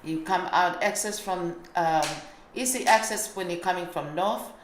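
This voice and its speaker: Female host, low-ish pitch, chatty and filler-heavy, roomy room with faint noise. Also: moderate pace. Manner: chatty, many fillers, mixes Tongan and English. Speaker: radio show host. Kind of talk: community radio chat.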